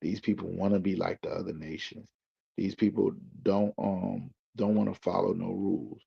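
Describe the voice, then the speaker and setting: Low husky guy with a gravelly edge, talks slangy and loose like he's preaching, dull lo-fi audio. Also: little pitch movement, moderate pace. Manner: loose slang-heavy talk, preacherly build. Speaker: guest. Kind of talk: casual explaining. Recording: dull lo-fi recording.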